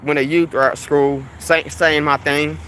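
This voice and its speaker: A man's voice: a little high, little pitch movement, a little slow, noisy background. A man vlogging outdoors on a hot day, sweating and talking in a casual, repetitive ramble full of restarts. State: sweating in the heat. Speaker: vlogger filming police in his town.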